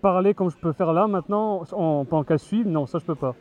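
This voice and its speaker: A man's voice: sits high, a little fast, darkish tone. A man speaks casually through a face mask into a close mic, muffled, giving hesitant, informal explanations in an interview. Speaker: costumed cosplayer being interviewed. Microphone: handheld mic held very close to the mask.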